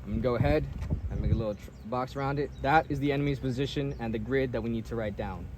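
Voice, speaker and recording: A man's voice: mid-range voice, quick pace. A man giving a step-by-step artillery map plotting demonstration, methodically narrating each step. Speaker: military demonstrator. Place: outdoors at a shaded table in a field. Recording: noisy outdoor phone recording.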